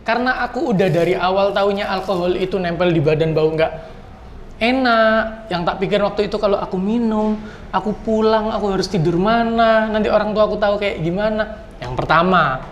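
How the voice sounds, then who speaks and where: A man hosting a podcast, telling stories in an animated, repetitive way. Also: high-pitched, brisk, muffled recording. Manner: animated storyteller, repeats words. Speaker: podcast host. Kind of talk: casual chat. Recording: echoey room with light noise.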